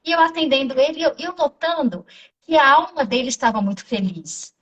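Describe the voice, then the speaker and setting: A woman with a Brazilian accent, a therapist in an interview, telling a client's story in a lively way and acting out the dialogue. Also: high-pitched, a little fast, distant mic, poor audio. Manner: animated, acts out quoted dialogue.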